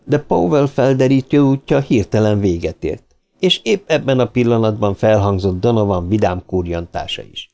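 A man narrating a science fiction audiobook in a measured storytelling manner. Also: fairly low pitch, lively intonation, gravelly, darkish tone. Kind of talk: scripted narration.

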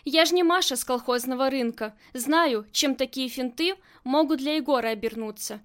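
A woman reads the part of a hard, cold-blooded gang boss, delivering curt, commanding lines in a firm mood. Her voice is high and fairly bright, at a normal pace.

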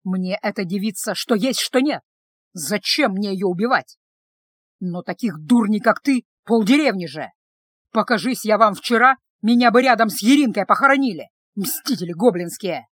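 A woman voicing an angry young village man who talks in a low, hissing, bitter voice. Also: expressive, normal speed, a bit bright, no echo. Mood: seething, bitter.

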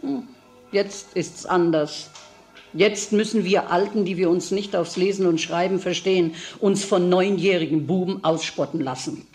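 A woman's voice: lowish voice, normal speed, natural voice. Devout older mother, played by a woman. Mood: reminiscing. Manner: devout, gently admonishing. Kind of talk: classic radio play acting. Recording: radio drama with faint music.

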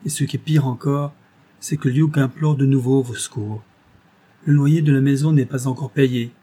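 A man's voice: mid-range voice, fairly even intonation, normal speed, warm tone, husky, natural voice. A man reading as a timid, pleading innkeeper's wife. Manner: humble, apologetic, pleading. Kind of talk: audiobook reading.

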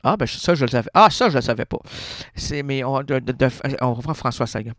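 A Québécois man from Quebec hosts a radio show from the studio, his medium-pitched voice brisk and fairly bright, recorded at studio quality with no echo. He rambles freely in an absurdist monologue, full of playful wordplay and constant self-corrections in Québécois French.

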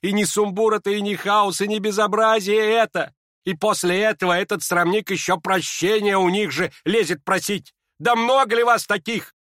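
A man putting on a shrill, furious older woman. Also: a bit bright, dry recording, clean studio sound. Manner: shrill indignant scolding. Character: older woman, hot-tempered, scolding, excitable. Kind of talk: audiobook character reading.

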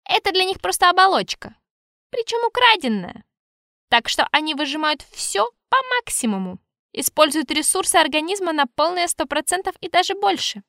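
A woman voicing a calm, knowing male adviser who explains things matter-of-factly. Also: extremely high pitch, moderate pace, vocal fry, no echo, clean studio sound, pitched above the performer's own voice, full character voice. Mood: explaining.

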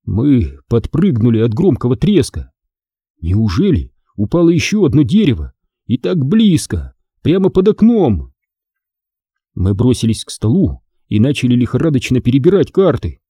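A man reading a first-person adventure story aloud in an expressive, dramatic way. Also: mid-range voice, moderate pace, breathy edge, dry recording, studio quality. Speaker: audiobook narrator.

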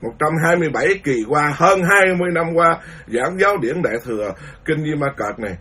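A Buddhist monk delivers an indignant, repetitive rant during a lecture. His voice is husky and sits a little high. He sounds set back from the microphone, like a radio broadcast. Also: lively intonation, brisk, sharp tone, far from the mic. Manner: indignant, ranting, repetitive phrasing. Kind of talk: impassioned Dharma lecture.

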